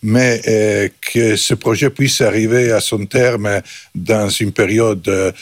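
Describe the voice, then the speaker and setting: A man, a guest on a panel discussion, speaking in a measured, skeptical way. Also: on the low side, fairly even intonation, no room sound. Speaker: guest commentator.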